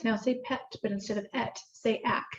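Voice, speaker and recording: Woman, reading tutor, fairly high voice, patient drill prompts, roomy dull recording. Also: steady tone, normal speed. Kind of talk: one-on-one phonics lesson.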